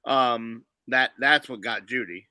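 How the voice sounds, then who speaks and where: A man's voice: mid-range voice, takes it slowly, bright, forceful tone, no echo. A man co-hosting a sports podcast, explaining points in a matter-of-fact, casual way. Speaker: podcast co-host.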